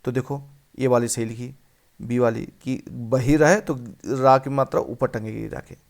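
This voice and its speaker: Gravelly man drilling spelling answers. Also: medium pitch, fairly even intonation, a little slow. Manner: repeats words and quizzes the viewer. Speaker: teacher. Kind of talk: exam-prep lesson on spelling.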